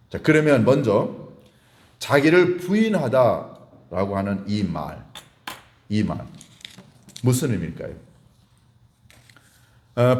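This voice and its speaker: A man pastor giving a sermon, explaining word meanings and putting questions to his congregation, slowing down to stress key words. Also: mid-range voice, darkish tone. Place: church sanctuary. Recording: echoey church hall.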